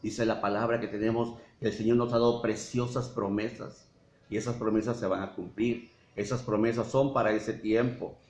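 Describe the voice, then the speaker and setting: A man with a Mexican Spanish accent preaching a sermon as pastor, asking frequent rhetorical questions and pausing for emphasis. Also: fairly low pitch, fairly even intonation, a little mellow. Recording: dull roomy church sound with faint hiss.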